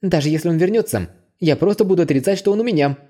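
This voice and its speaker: A man's voice: fairly high pitch, fast talker, dark tone, voice pushed up, close to an everyday voice. A man voicing a sneaky, greedy young male thief in an audiobook, snickering and scheming under his breath. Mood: smug. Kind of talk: audiobook character voice.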